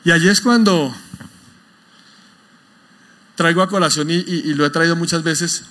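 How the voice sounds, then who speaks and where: Brief: male pastor, high-pitched voice, emphatic sermon delivery, quizzes the congregation. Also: normal speed, pushed and bright. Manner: asks the congregation questions, emphatic.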